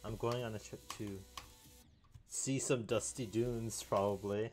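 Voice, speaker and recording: A young man chatting casually to camera in a deadpan, rambling way, often restarting his sentences. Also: on the low side, measured pace, soft background music. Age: young adult. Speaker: video creator. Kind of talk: casual solo chat.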